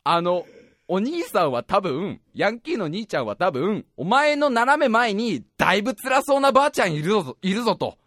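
Male host, high lively voice, self-mocking comic storyteller, dry close sound. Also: moderate pace, no echo. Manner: animated, self-mocking, often laughing while talking.

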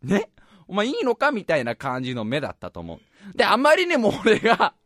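A man hosting a show, telling a comic story in an animated, self-mocking way and often laughing as he talks. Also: high-pitched, a little fast, no room sound, clean studio sound.

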